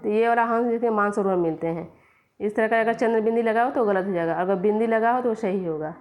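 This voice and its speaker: A woman's voice: medium pitch, brisk, darkish tone. A woman teacher explaining grammar step by step, asking questions and answering them herself. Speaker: Hindi teacher. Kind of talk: classroom grammar lesson.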